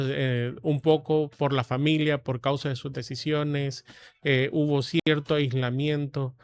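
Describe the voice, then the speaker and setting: A man in his forties from El Salvador, a guest telling his life story in a measured, reflective way with frequent pauses. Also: mid-range voice. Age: 40s. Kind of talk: testimony interview.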